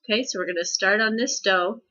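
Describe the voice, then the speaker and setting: A woman's voice: mid-range voice, a little fast, pushed and bright, dull audio. A woman teaching a recorded music lesson, explaining patiently step by step and checking in with "okay?" as she goes.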